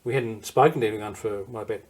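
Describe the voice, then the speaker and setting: Fast and a little mellow, with a pitch on the low side, an elderly Australian man shares recollections of the war during an interview. His storytelling rambles from anecdote to anecdote, straying off course and restarting before looping back.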